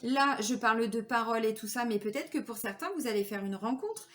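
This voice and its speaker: A woman's voice: on the high side, a little fast, fairly bright tone. A woman in her forties giving a casual spiritual card reading, chatty, with frequent fillers and laughs. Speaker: tarot and oracle card reader.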